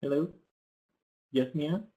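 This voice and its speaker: A man's voice: fairly high pitch, slow pace, dark tone, lo-fi sound. A man with an Indonesian accent hosting an online class, checking his mic with hesitant, repeated questions over a video call. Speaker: online course host.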